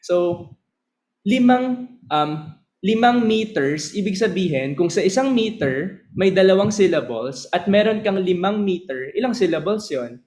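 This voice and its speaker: Male teacher, somewhat high voice, mixes Tagalog and English, keeps checking in with the class. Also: lively intonation, a little mellow, poor audio. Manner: slow, drawn-out reading of verse lines. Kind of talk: lecture mixing Tagalog and English.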